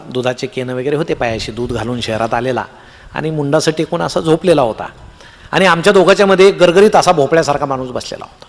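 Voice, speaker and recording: A man's voice: on the high side, in a large hall. A man with a Marathi accent telling a comic story on stage, acting out the voices of the people in it. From Maharashtra, India. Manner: animated, acts out voices of the characters in the tale. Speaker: humorous storyteller.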